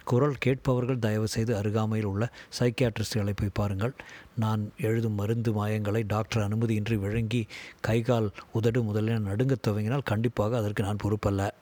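Husky-voiced man reading a story. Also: on the low side, level tone, normal speed, mellow. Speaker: audiobook reader. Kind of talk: scripted story narration.

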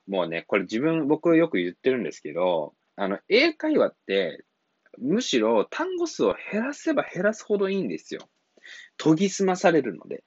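Guy doing a chatty english tips podcast, lots of pitch swings, kinda muffled dry audio. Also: slightly rough, dry recording. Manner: animated and rambling, with chuckles and apologies. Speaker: English coaching podcast host. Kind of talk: casual solo podcast talk.

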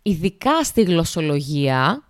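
A woman's voice: sits low, big pitch swings, no echo, clean studio sound. A young woman hosting a casual solo podcast, chatty and speaking to her listeners directly with lots of filler phrases. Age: young adult. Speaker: podcast host.

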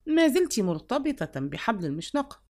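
A woman's voice: on the high side, sing-song, a little fast, a little mellow. A woman voicing a persistent male suitor in a read-aloud story, coaxing and insistent. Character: persistent middle-aged male suitor, smooth-talking.

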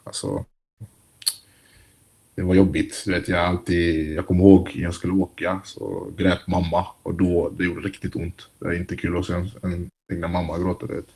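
A young man, a youth football player appearing as a guest, talks loosely in a casual interview with a deep, husky voice, peppering his speech with "du vet" ("you know") and street slang. Retelling a scene from training, he gets animated, his voice climbing as he mimics the shouting, before easing back into a low, unhurried drawl.

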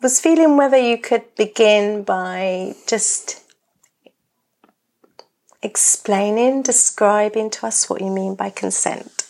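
A woman with a croaky voice hosting a conversational interview as a podcast host. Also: mid-range voice, takes it slowly, darkish tone.

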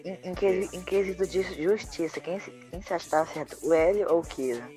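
Joking young man, slightly high voice. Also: a little fast, warm tone, faint music behind. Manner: joking, teasing. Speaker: guest. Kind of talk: casual gaming chat.

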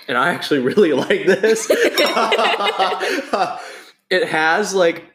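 A man's voice: mid-range voice, fairly bright tone. Man hosting in a roomy space. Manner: chatty, asks curious questions. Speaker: podcast host. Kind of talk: casual chat.

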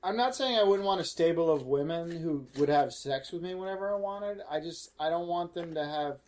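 Deadpan man riffing on a movie. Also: on the high side, brisk. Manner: wry, deadpan, rambling jokes. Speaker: film commentator. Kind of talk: casual comedic commentary.

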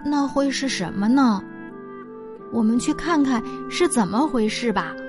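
A woman's voice: a little high, unhurried, over music, natural voice. Woman voicing a nosy little piglet. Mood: curious. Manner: eager, questioning.

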